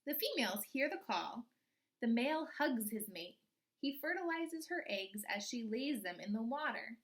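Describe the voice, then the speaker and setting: Reading a picture book to young children in a teacherly way, a woman sounds very animated and a bit bright, her voice a little high. She reads expressively and frequently stops to pose guiding questions.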